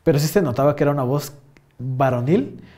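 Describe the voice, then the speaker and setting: This podcast host is a young man with a Mexican accent spinning a wandering, slangy tale full of fillers in casual talk. His mellow voice is mid-range and fairly quick.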